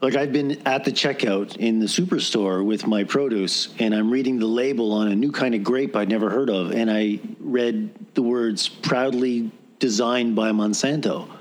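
A man's voice: lowish voice, normal speed, hardly any pauses. A man who is a guest on a podcast, talking earnestly and persuasively, sometimes repeating words as he searches. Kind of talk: casual conversation.

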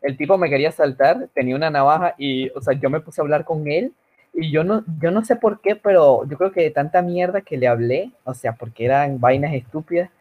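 Husky, slightly high male voice, loose rambling storyteller. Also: brisk, narrow, tinny audio. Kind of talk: casual chat.

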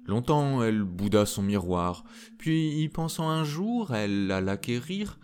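A man reading a fairy tale aloud in an expressive, dramatic way. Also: mid-range voice, measured pace, clear, resonant tone. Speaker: narrator. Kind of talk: storybook reading. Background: faint music.

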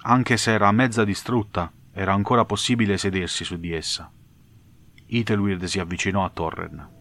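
A man narrating a fantasy audiobook in a measured, dramatic storytelling manner. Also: lowish voice, fairly even intonation, a bit bright.

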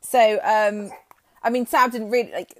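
A woman's voice: mid-range voice, a little slow, dry recording. Woman running the debate, out of breath and giggling, dry close sound. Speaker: debate moderator. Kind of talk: casual debate podcast.

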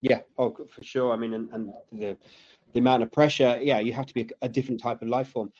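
A man's voice: mid-range voice, flat delivery, fast talker, darkish tone. A man interviewing casually, rambling and repeating himself as he forms questions. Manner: rambling, stumbling repetitions. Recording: dull, narrow lo-fi audio.

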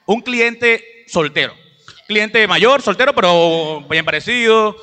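Very bright, joking man. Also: sits high, takes it slowly, clear, resonant tone, long reverb tail. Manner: joking, animated, puts on voices. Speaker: co-host. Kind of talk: casual chat.

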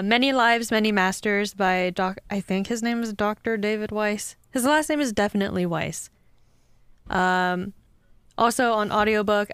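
A woman's voice: mid-range voice, a bit bright, clear, resonant tone, no echo. A young woman from California co-hosting a podcast, chatty and giggly after a few drinks. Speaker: podcast co-host. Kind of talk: casual chat.

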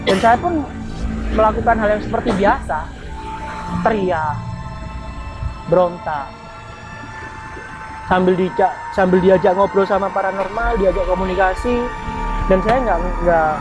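A woman's voice: mid-range voice, rough recording. Woman telling a story, casual and chatty, keeps asking ya kan, faint music under it. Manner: chatty, frequent tag questions, restarts.

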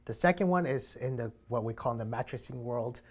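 A young man tells a long personal story in relaxed conversation. He talks in an easygoing, chatty way and laughs often, with plenty of fillers and restarts. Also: mid-range voice, fairly quick. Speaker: guest sharing a mattress story. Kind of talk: casual chat.

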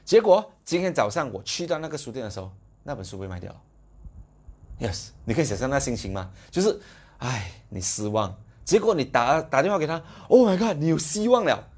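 Fast-talking Malaysian man, animated storyteller. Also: medium pitch, breathy edge. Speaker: live video presenter. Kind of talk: motivational live video talk.

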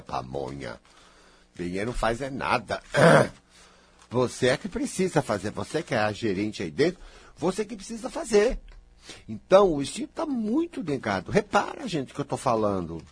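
A man with a Brazilian Portuguese accent giving an animated spoken monologue, emphatic and teasing as he scolds and coaxes his listener directly. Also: mid-range voice, moderate pace, husky, dry recording.

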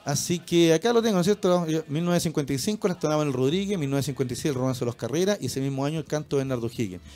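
A man's voice: a little high, animated, very fast, darkish tone. A Chilean man hosting a radio show, chatting casually about music and constantly adding little tag questions. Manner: peppers speech with tag questions. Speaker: radio host. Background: faint music.

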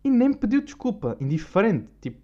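A man's voice: sits high, sing-song, fairly quick. A young man with a European Portuguese accent, hosting a podcast in a rambling, slang-heavy casual monologue. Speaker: podcast host. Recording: dull lo-fi recording.

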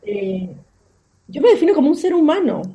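A woman's voice: high-pitched, big pitch swings, normal speed, dark tone. A woman from Peru, a podcast guest speaking over a remote call, thoughtful and a bit hesitant, laughing easily. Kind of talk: conversational interview. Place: Lima, Peru.

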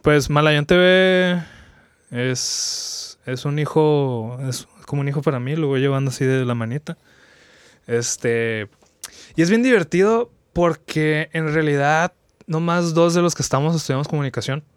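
Young Mexican man, podcast guest, rambling slangy storyteller, crisp, dry sound. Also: on the high side, unhurried, dry recording. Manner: slangy, rambling, many restarts. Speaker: podcast guest, video creator. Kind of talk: casual chat, retelling an anime plot.

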